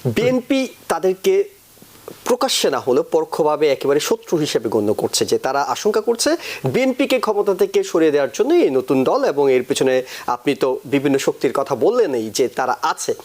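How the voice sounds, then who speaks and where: Male TV host, animated slightly high voice, measured and formal. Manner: measured, long framing questions. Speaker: talk show host. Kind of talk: hosting a political talk show.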